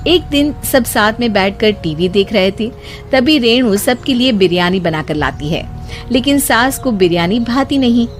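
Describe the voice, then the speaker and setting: A woman's voice: fairly high pitch, expressive, moderate pace. A woman narrating a scripted moral story as a storyteller. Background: background music.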